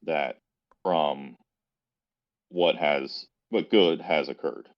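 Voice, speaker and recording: Very deep voiced guy on a muffled dull mic, chill hedgy podcast chat. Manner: thoughtful, hedging, measured. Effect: muffled, dull-sounding mic. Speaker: podcast co-host. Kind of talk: casual chat.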